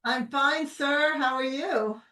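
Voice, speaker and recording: A woman with a Brooklyn accent hosts a casual conversation. She sounds a bit far from the microphone, in a room with clear echo. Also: sits high, slow, sharp tone. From Brooklyn, New York. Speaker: podcast host. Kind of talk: casual chat. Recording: roomy echo, distant from mic.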